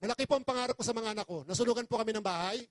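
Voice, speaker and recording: Man, very high voice, dry close sound, emotional pleading testimonial speech, from the Philippines. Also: very fast, dry recording. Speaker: business presenter. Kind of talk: impassioned testimonial speech to an audience.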